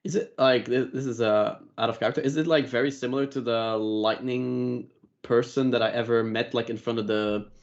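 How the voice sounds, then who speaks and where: Man, average pitch, dull lo-fi recording, casual game player, hesitant halting talk. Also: fairly even intonation. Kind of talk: casual game table chat. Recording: dull lo-fi voice mic.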